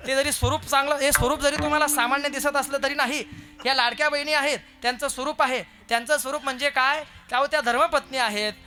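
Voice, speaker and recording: Male kirtan preacher with a bright, ringing voice who works the live crowd with stories and playful questions. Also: very high voice, steady tone, quick pace. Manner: storytelling, quizzing the audience playfully. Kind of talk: devotional kirtan sermon.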